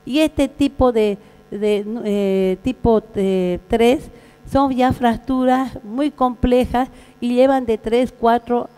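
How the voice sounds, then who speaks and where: A Bolivian woman lecturing at a conference, her voice fairly high yet mellow and soft-edged. She speaks haltingly, stopping to restart phrases and filling gaps with small hesitations. The sound carries a long hall reverb with a low mains hum underneath. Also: fairly even intonation, smooth. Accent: Bolivian Spanish. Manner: halting, frequent fillers and restarts. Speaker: veterinary surgeon lecturer.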